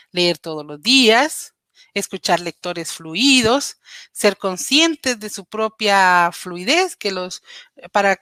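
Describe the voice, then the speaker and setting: A woman's voice: mid-range voice, pushed and bright, no echo. Woman, literacy educator, patient explanatory lecture, direct address, dry close recording. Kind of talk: recorded slide presentation lecture.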